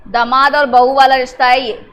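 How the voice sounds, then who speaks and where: A woman teacher drilling a class on family words, teasing and prodding students to answer loudly. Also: high voice, little pitch movement, moderate pace, smooth. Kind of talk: classroom lesson.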